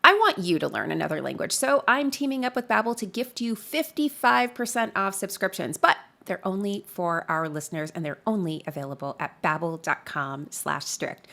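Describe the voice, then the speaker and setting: A woman's voice: on the low side, creaky, sharp tone. Upbeat woman co-host reading an ad. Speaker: podcast co-host reading sponsor ads. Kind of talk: host-read ad.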